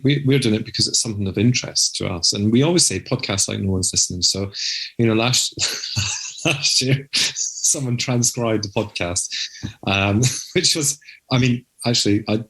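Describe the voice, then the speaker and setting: A man's voice: on the low side, fairly bright tone. Playful male podcast host, cave-like echo. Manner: playful, teasing. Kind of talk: casual podcast chat.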